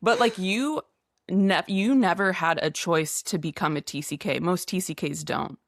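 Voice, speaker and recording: A woman's voice: fairly low pitch, dry recording, clean studio sound. Chatty young woman podcast host. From grew up abroad in the Middle East. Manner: chatty, laughing, quick asides. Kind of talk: casual chat.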